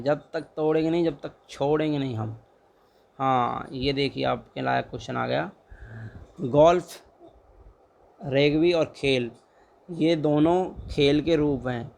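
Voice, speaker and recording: A man's voice: medium pitch, a little slow, creaky, darkish tone. A young man tutoring exam questions in a casual, chatty way, repeating each answer and urging viewers to like and subscribe. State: dry throat.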